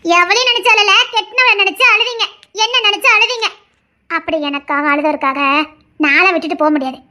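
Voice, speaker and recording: A woman's voice: very high voice, a little fast, bright, forceful tone, exaggerated voice. A woman voicing a stubborn, loving young wife in an audio drama, talking earnestly and insistently. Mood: devoted, pleading.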